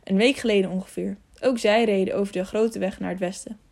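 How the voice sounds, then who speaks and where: Hesitant young man as a woman reads him, polite, unsure, mellow tone, audiobook. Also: mid-range voice, steady tone, a little fast, creaky. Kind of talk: audiobook character voice.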